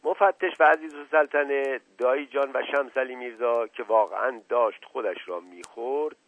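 A man narrating a novel as an audiobook, in a steady storytelling manner. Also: medium pitch. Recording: dull lo-fi recording, dry.

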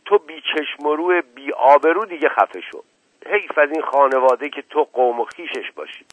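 Man doing a shouting, furious bandaged man. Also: mid-range voice, no room sound, natural voice. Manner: shouting, indignant. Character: enraged bandaged middle-aged man. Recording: tinny dry radio recording.

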